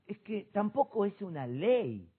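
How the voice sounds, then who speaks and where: Husky-voiced man preaching with fervor. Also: high voice, very animated, a little slow. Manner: impassioned preaching, rising to shouts. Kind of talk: church discussion program. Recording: tinny phone-like sound.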